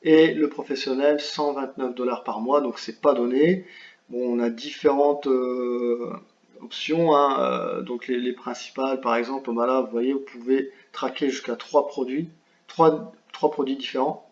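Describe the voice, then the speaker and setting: A man talks viewers through a software tool in a screen-share tutorial, halting often with fillers and restarts. His voice sits at a middle pitch. The recording sounds roomy and a bit dull. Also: fairly even intonation. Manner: hesitant, many fillers and restarts; apologetic about his English pronunciation. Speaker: online business tutor.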